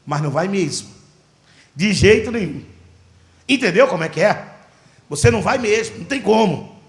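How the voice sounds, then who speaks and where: A man with a Brazilian Portuguese accent, a pastor preaching a sermon and telling a story with animated, dramatic delivery. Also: sits high, moderate pace, echoey room.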